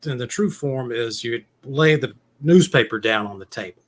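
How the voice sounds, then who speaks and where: A man's voice: mid-range voice, normal speed. A man co-hosting a live stream, adding musing, hesitant asides in casual chat. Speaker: co-host.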